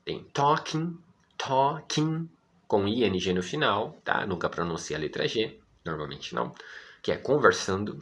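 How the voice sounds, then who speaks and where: A man's voice: fairly low pitch, fairly bright tone. A Brazilian man teaching English vocabulary in Portuguese, patiently repeating words and often checking in with his students.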